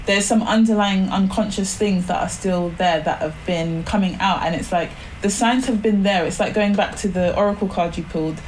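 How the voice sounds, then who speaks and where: A woman's voice: mid-range voice, a little hiss or hum, rough recording. A woman from Barbados, a podcast guest, talking casually and rambling, with lots of "like" fillers. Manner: chatty, many "like" fillers, rambling. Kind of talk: casual spiritual chat.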